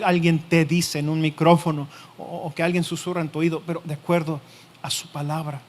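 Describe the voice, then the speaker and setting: A man preaching a sermon who speaks straight to the listener, repeats his key phrases and lets the ends of sentences sink to a hush. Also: on the high side. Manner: direct, addresses the listener as tú. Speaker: pastor.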